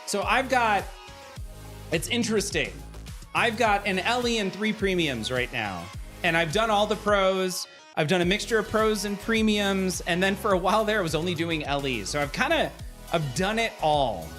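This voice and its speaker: A woman's voice: medium pitch, animated, moderate pace, fairly bright tone, faint music behind. A woman hosting a pinball live stream, chatting casually, laughing often and reading viewer comments aloud.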